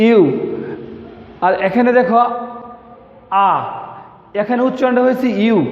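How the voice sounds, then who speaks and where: Casting: high-voiced male teacher from Bangladesh, slow and patient, dull lo-fi sound. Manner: slow, patient, repeats words for students. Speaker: English teacher. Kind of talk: online grammar lesson. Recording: echoey room, dull lo-fi sound.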